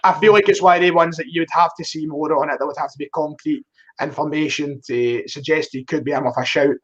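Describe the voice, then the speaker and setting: A man's voice: on the high side, fairly even intonation, fast, a bit bright, muffled recording. A man with a broad Glaswegian Scottish accent in a casual, rambling football discussion, often repeating words as he starts. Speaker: football fan guest on a live stream.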